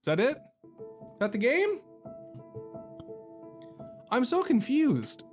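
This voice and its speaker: With game music in the background, a male streamer talks through a let's-play in a loose, rambling way, poking fun at himself as he thinks aloud. He speaks slowly, his pitch extremely high and swooping wildly.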